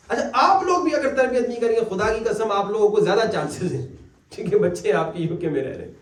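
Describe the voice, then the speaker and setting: A man's voice: sits high, darkish tone. A male Islamic cleric giving a religious lecture, telling stories and acting out the voices of the people in them. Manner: storytelling, acts out quoted voices. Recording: echoey hall, mic at a distance.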